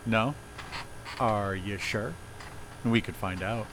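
A man's voice: lowish voice, slow pace, noisy background. An actor playing an enthusiastic, playful male paranormal investigator in an audio drama. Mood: teasing. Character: eager male paranormal investigator and house flipper.

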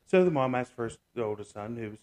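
A man's voice: medium pitch, animated, fairly quick, a little mellow. Crude joking man telling a story. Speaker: podcast co-host. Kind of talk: casual podcast chat.

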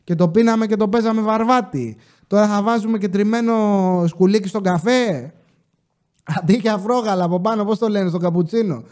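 A man's voice: high-pitched, darkish tone. A man hosting a podcast, telling a funny story in a casual monologue, full of jokes and chatty asides to his listeners. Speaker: podcast host.

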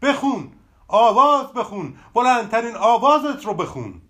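A man's voice: fairly high pitch, lively intonation, lightly acted. A man voicing a kind red fish in a storybook, earnest and coaxing. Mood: urging. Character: kind wise red fish, gentle urger.

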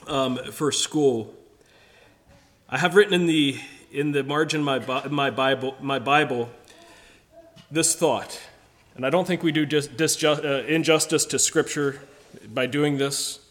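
A man preaching a sermon in an earnest, halting way, often restarting his phrases. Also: a little high, fairly bright tone. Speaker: visiting preacher.

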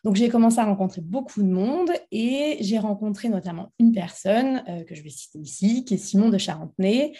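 A woman's voice: mid-range voice, expressive, brisk, few pauses, mellow, husky. A woman interviewed as founder of a training institute, talking with many fillers and restarts. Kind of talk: interview conversation. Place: Montpellier, France.

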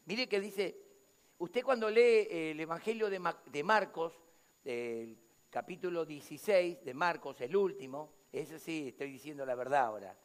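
Brief: Rioplatense pastor, emphatic preaching, unusually high voice for a man. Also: fairly bright tone. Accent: Rioplatense Spanish. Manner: emphatic, addresses the congregation directly. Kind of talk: sermon.

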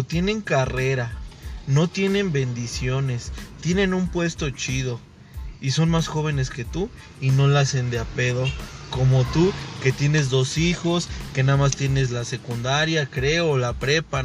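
A young Mexican man in his twenties tells a crude, slang-heavy story among friends, acting out every line of dialogue. His voice sits a little high, and faint music plays behind him. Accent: Mexican Spanish. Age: 20s. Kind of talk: casual chat.

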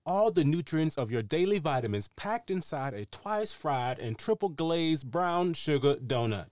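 A man playing an overexcited male announcer in a parody radio ad, booming and salesy. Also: sing-song, a little slow, a little mellow, no echo. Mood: hyped.

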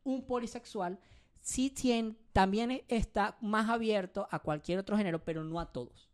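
A woman chatting casually, blunt and excitable, with plenty of slang. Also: mid-range voice, normal speed. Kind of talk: casual chat.

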